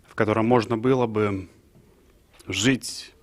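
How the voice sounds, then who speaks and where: A man gives an impromptu address to a group in a hesitant, halting way, searching for his words. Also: lowish voice, steady tone. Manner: hesitant, halting, clearing throat. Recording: clearly noisy live room recording.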